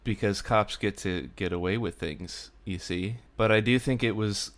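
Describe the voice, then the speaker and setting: A man talks through a recap in a loose, conversational vlog style, wry and full of fillers. His voice sits on the lower side and stays smooth and clean throughout. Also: normal speed, fairly bright tone. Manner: chatty and wry, with frequent "like" fillers. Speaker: vlogger recapping a sitcom. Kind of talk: casual spoken recap.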